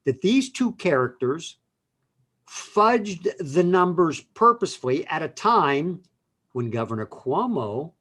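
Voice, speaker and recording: A man co-hosting a talk show, laying out arguments in a measured way and rising with emphasis on key points. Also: medium pitch, a bit bright. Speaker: co-host, lawyer. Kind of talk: opinionated talk show discussion.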